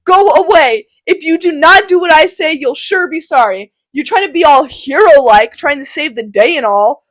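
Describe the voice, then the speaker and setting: A woman's voice: sits high, expressive, unhurried, a bit bright. A teen girl doing bossy uncle Capulet. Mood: scolding. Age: teens. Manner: bossy, scolding.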